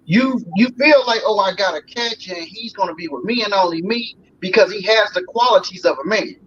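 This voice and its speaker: A man's voice: high-pitched, brisk, a bit bright. A man in his forties, a guest on a talk show, talking in a loose, folksy way with lots of fillers. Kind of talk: casual talk show conversation. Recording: slightly dull sound with faint noise.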